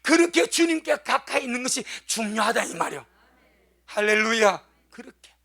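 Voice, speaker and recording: A middle-aged man preaches with a bright, gravelly voice set unusually high. He tells homely stories and swells into blessings with strong emphasis. The delivery stays warmly folksy between the peaks. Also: very animated, a little fast. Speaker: pastor. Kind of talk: sermon.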